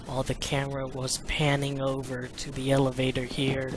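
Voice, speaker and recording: Someone plays a video game while giving casual commentary and a walkthrough in a monotone, mid-range voice at a moderate pace. Game music and sounds fill the noisy background.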